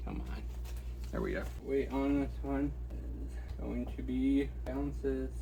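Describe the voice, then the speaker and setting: A man's voice: medium pitch, level tone, takes it slowly, gravelly, warm tone, slight background noise. A man running a reseller vlog who talks casually and thinks aloud as he packs and ships orders, thanking each buyer by name. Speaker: online reseller. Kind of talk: casual packing-and-shipping vlog.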